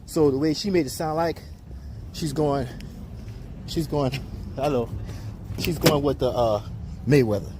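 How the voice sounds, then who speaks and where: A man's voice: fairly high pitch, measured pace, pauses often, background noise. A man filming casual street interviews on a handheld phone, talking in chatty street slang, out on city streets and in a car. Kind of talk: casual street vox pop.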